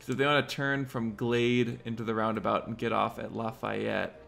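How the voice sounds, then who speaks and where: A hiccuping streamer plans roads in a city-building game, murmuring to himself and chatting casually with viewers. His voice is mid-range, level, creaky and fairly bright, at a moderate pace, with soft music underneath.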